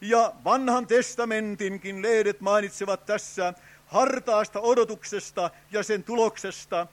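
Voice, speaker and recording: A man's voice: high voice, steady tone. An older man preaching an evangelistic sermon at a tent revival, fervent and pleading, crying out "oh" and calling to his friends. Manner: fervent, with frequent drawn-out "oh" cries and direct appeals to "friends".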